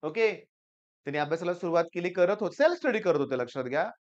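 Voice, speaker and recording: A man's voice: high voice, animated, quick pace, lo-fi sound. A middle-aged man, a tutor, giving an emphatic exam-preparation talk to students and telling stories from his classes. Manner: emphatic and urging, tells anecdotes to students. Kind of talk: exam-prep teaching talk.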